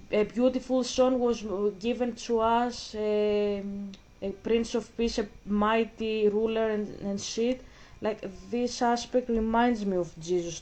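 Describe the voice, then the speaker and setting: A woman chats casually in a plain, mid-pitched voice. She thinks out loud, breaking off, restarting and filling gaps with "uh" as she works through her point. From Greece. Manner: thinks aloud with many restarts and fillers. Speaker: vlogger. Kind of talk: casual chat.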